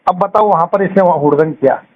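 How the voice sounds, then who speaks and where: A caller with a high voice rattles off his side of the story quickly, accusing and scorning in plain, informal language and throwing out rhetorical questions. The telephone recording is muffled, and the noise comes through clearly.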